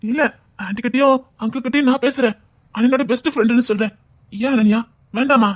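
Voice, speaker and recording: A man with a Tirunelveli Tamil accent, playing a scheming young man who talks softly and wheedles. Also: extremely high pitch, steady tone, fast talker. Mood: wheedling. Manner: soft wheedling voice that turns mocking. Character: scheming young man, fake-tearful, later cold and harsh. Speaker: actor in a skit. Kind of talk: melodramatic skit acting.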